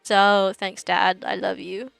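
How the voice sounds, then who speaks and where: A woman's voice: medium pitch, flat delivery, takes it slowly, creaky, a bit bright, dry recording, soft background music, poor audio. A young woman livestreaming and chatting casually with viewers, giggly and rambling, often laughing mid-sentence.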